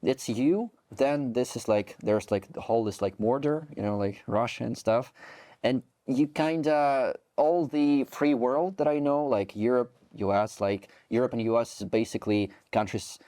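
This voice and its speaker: In a clean studio recording with no room sound, a man in his twenties, a Ukrainian soldier, answers interview questions in accented English. His voice is mellow and medium-pitched at a moderate pace, and he rambles, restarting often and saying "like" a lot.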